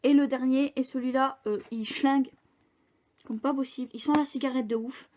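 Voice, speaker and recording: A woman's voice: high voice, steady tone, moderate pace, a little mellow. A young woman chatting casually in a book vlog, rambling with fillers and restarts. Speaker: book vlogger. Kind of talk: casual chat.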